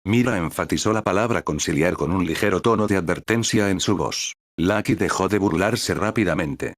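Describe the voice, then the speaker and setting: A man narrating a novel audiobook in an even, synthetic-sounding read. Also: low-pitched, moderate pace, dry recording.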